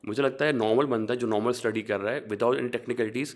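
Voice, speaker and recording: A young man from Pakistan, a chartered accountant, talking in a relaxed interview and explaining things, often rephrasing as he goes. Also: mid-range voice, brisk. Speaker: guest, qualified chartered accountant. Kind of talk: casual interview, mixing English phrases.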